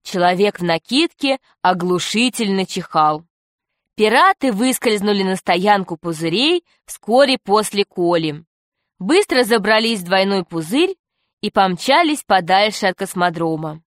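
A woman narrates a children's story for an audiobook. Her voice sits at a middle pitch, and she tells the story in a steady, clear way. The recording is close and dry. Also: a little slow, no room sound.

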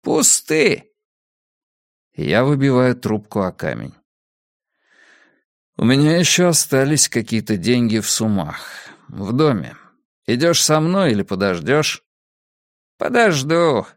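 A man reading an adventure novel aloud as a steady audiobook narrator. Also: medium pitch, a little slow, no echo, studio quality. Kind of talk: scripted narration.

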